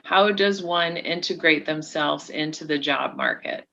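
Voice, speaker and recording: A woman's voice: sits low, a little slow, gravelly, bright, forceful tone. A woman co-hosting, reading audience questions aloud in a brief, plain way. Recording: dull lo-fi sound with faint noise.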